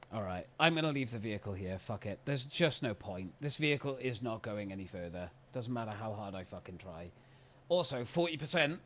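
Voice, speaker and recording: A man's voice: mid-range voice, slight background noise. A British man streaming a video game, ranting in an exasperated, profane way. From United Kingdom. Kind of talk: casual live-stream commentary.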